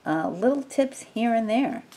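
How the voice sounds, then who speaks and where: Slow, rambling woman tarot reader. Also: a little high, expressive, dark tone. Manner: slow, rambling, many fillers and restarts. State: sneezing from allergies. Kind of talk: casual tarot reading.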